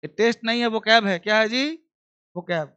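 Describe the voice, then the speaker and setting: A man's voice: high voice, normal speed, pushed and bright, clean tone, highs cut off. A man teaching a basic English class, drilling words and repeating questions for students to answer.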